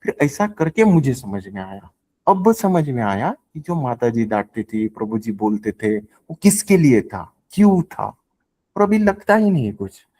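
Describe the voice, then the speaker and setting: A man sharing a devotional testimony, earnest and halting, often repeating and restarting phrases and slipping in English words. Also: mid-range voice, a little mellow. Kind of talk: devotional testimony at a spiritual gathering.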